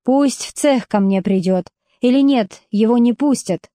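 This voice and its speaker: A woman doing a gruff stern foreman. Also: fairly high pitch, a little slow, mellow, no room sound, clean studio sound, lightly acted. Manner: curt, commanding, blunt. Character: gruff stern middle-aged male factory foreman.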